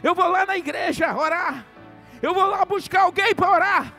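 A man's voice: very high-pitched, animated, fairly quick, fairly bright tone, soft background music, voice pushed up, full character voice. A man playing a frantic grieving mother. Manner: frantic, pleading, rising to cries. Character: desperate rich mother, grieving woman.

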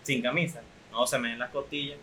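A man's voice: medium pitch, fairly even intonation, a little fast, sharp tone, slight background noise, poor audio. A young man with a Venezuelan accent hosting a casual podcast interview, chatty and teasing. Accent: Venezuelan Spanish. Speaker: podcast host.

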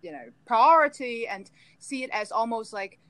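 A woman's voice: on the high side, expressive, normal speed, vocal fry, no room sound, low-quality recording. A woman from Hong Kong, a guest on a call, talking in a chatty way with laughs and fillers between points. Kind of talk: casual discussion over a call. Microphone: phone on a call.

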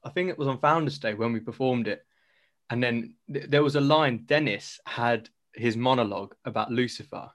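A man's voice: medium pitch, normal speed. Chatty young male podcast host. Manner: friendly, chatty, laughs often. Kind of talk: casual interview.

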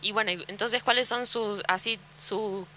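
An Argentine woman co-hosts a casual conversation, asking playful, teasing questions. Her voice is bright and sits at a typical pitch. Faint room hiss lies underneath. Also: fairly even intonation, moderate pace. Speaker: podcast co-host.

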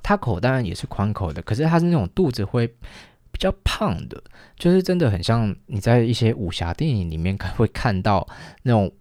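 A young man telling a casual, lively story, acting out the lines of the people in it. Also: fairly low pitch, brisk, no echo, clean studio sound. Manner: chatty, animated retelling with quoted dialogue.

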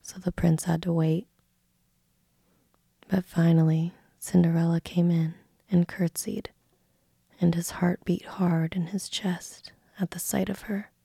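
Woman storyteller, ASMR fairy tale in a soft whisper, husky and gravelly, close and dry. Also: lowish voice, dry recording. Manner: soft unvoiced whisper throughout.

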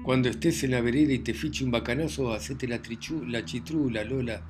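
A man doing a smooth, romantic charmer. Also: mid-range voice, brisk, music in the background, natural voice. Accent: Rioplatense Spanish. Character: charming tango singer, romantic grown man.

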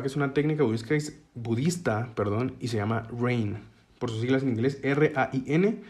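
A man's voice: medium pitch, darkish tone. Conversational man explaining a self-help technique. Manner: conversational, checks in with listeners with frequent "ok?"; uses metaphors to explain ideas. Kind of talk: casual explanatory talk to an audience.

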